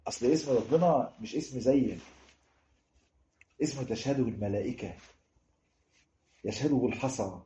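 A man's voice: medium pitch, moderate pace, long pauses, mellow, a little hiss or hum. A man with an Egyptian Arabic accent preaching a sermon fervently, building into emphatic repetitions. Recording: roomy, dull lo-fi sound.

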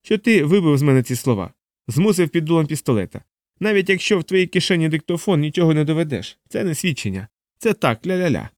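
Audiobook: male reader doing a panicky, shrill, squealing little man, frantic and rambling, dry close mic. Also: big pitch swings, quick pace, a little mellow, no room sound. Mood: desperate pleading. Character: frightened plump man shrieking in panic. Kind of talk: audiobook character voice.

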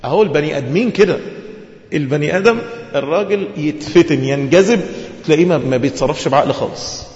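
Man, Egyptian Arabic accent, preacher, quick sermon, rhetorical questions, roomy hall echo, muffled lo-fi audio. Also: a little high, a little mellow. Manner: asks the listeners questions and answers them himself. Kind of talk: religious lesson sermon. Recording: echoey hall, dull lo-fi sound.

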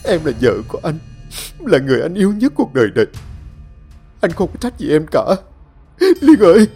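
A man narrating a horror story in a dramatic, expressive way. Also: mid-range voice.

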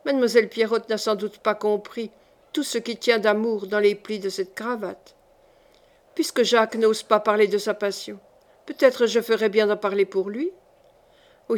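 A woman reading a classic novel aloud as an audiobook narrator, in a measured storytelling manner. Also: medium pitch, steady tone. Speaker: audiobook reader.

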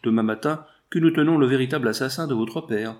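A man voicing an older artist who confides calmly in a young friend in a read-aloud novel. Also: mid-range voice, fast talker, voice pushed up, close to an everyday voice. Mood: confiding. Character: older male artist, kindly mentor.

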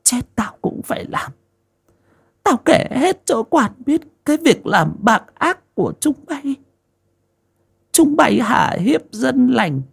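A man voicing an old mother, righteous and grieving, who scolds her wicked son in shrill, wailing cries. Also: big pitch swings, slow pace, creaky, breathy edge, exaggerated voice. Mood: furious.

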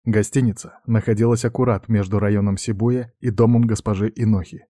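A man narrating a novel in a low, dark, mellow voice. His reading is steady and measured, recorded close and dry with no room around it. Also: dry recording. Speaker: audiobook narrator. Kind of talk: scripted narration.

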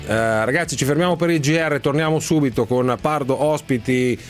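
A man's voice: mid-range voice, moderate pace, soft background music. A man presenting a sports talk show on the radio in a conversational way.

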